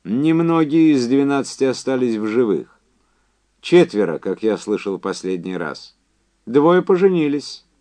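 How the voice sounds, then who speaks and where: A man reading an audiobook, voicing a middle-aged man on the phone who speaks with bitter, insinuating irony in a noticeably higher, louder voice than his own. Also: animated, unhurried, natural voice. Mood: confiding. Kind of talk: audiobook character voice.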